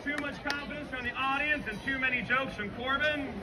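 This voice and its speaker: A man's voice: extremely high pitch, steady tone, a little fast. A man hosting a live outdoor comedy trick show, giving joking, sardonic patter to the audience. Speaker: street show performer and host. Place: outdoor fair show ground, filmed from the crowd. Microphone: camera in the audience, at a distance. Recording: outdoor crowd noise, recorded from the audience.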